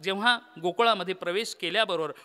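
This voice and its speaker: A man's voice: sits high, fast talker, pushed and bright, clear, resonant tone. A man preaching a comic devotional kirtan sermon, telling the story theatrically, quizzing the audience and breaking into song. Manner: asks the audience questions.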